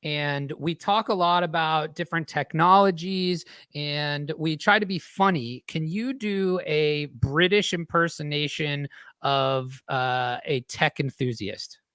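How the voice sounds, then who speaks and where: A man's voice: a little high, takes it slowly, fairly bright tone, clear, resonant tone, dry recording, clean studio sound. A man co-hosting a podcast in casual chat, laid-back, with many fillers. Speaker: podcast co-host. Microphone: headphones and podcast mic.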